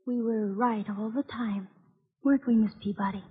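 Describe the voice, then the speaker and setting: An eerie child. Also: female voice, a little high, fairly even intonation, normal speed. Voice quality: breathy whisper. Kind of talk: 1940s radio acting. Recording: dull old radio recording with music.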